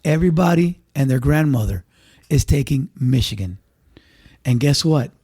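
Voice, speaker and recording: A man's voice: mid-range voice, animated, moderate pace, dark tone, husky. A man co-hosting a sports podcast, talking emphatically and repeating his points in casual chat. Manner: emphatic, repeats himself, betting talk. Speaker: podcast co-host.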